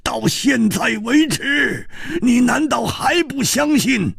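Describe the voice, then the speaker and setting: A man's voice: low-pitched, lively intonation, a little slow, breathy edge, dry recording, clean studio sound, voice pushed down, heavily acted. A man voicing a blunt, hot-tempered swordsman who roars his words. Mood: furious. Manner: loud roaring.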